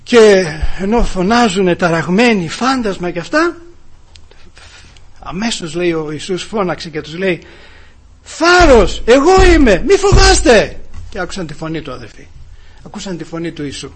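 A man preaching a sermon emphatically, dropping to hushed asides and rising to loud exclamations, and often addressing the congregation as brothers. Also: high voice, lively intonation, husky.

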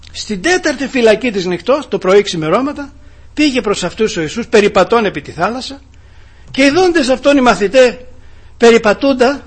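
A man preaching a sermon emphatically, dropping to hushed asides and rising to loud exclamations, and often addressing the congregation as brothers. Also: extremely high pitch, breathy edge.

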